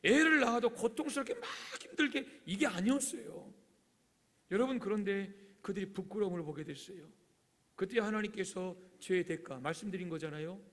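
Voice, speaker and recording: Emphatic high-voiced pastor in a reverberant hall. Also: male voice. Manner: emphatic, swings from loud urgent peaks to quiet low asides, acts out quoted voices. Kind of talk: sermon. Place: church sanctuary.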